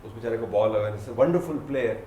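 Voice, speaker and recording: A man's voice: lowish voice, dark tone, roomy sound, a little hiss or hum. A man hosting a TV talk show, asking guests playful, joking questions. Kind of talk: casual TV interview.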